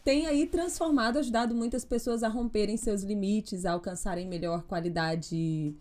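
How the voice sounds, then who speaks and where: A woman hosting a podcast as a pastor and psychologist, who talks lively and speaks straight to her listeners. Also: medium pitch, moderate pace. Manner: lively, addresses the audience directly. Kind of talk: casual podcast interview. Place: podcast studio in a farm-like setting.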